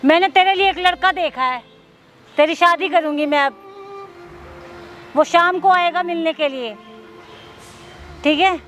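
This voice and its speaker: A woman's voice: extremely high pitch, measured pace, pauses often, a bit bright, faint music behind. A woman playing a harsh scolding stepmother. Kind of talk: staged social drama acting.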